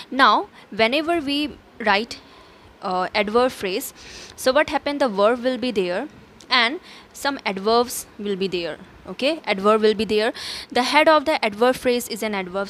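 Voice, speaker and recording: A woman's voice: fairly high pitch, fairly bright tone. A woman teacher explaining grammar step by step, asking and answering her own questions, with fillers and self-corrections. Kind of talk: recorded grammar lesson.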